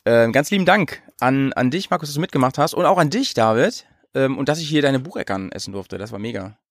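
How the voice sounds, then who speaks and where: A man hosts a podcast recorded on a train, chatting casually in a bubbly, giggly, rambling way full of fillers and frequent laughs. His mid-range voice is expressive and fairly quick, with clean studio-quality sound and no echo.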